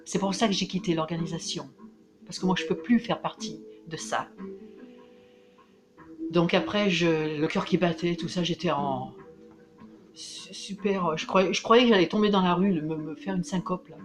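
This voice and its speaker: Excitable French woman vlogging over music. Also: fairly low pitch, normal speed. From France. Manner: excitable, emphatic, frequent restarts. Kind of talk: casual vlog monologue.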